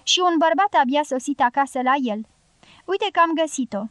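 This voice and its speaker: A woman voicing a shy, caring young girl who speaks softly and eagerly in an audiobook. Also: high voice, expressive, dry recording, clean studio sound. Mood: tender. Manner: soft, eager to please.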